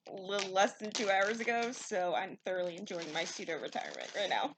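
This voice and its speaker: A woman's voice: medium pitch, a little fast, noisy background. A woman co-hosting a casual stitching chat, joking and teasing her partner. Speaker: co-host.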